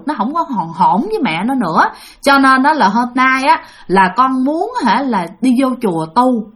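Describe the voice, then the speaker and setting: A woman's voice: fairly high pitch, fairly bright tone, slightly rough. A woman voicing the humble ghost of a drowned young man, complaining and begging a monk for help.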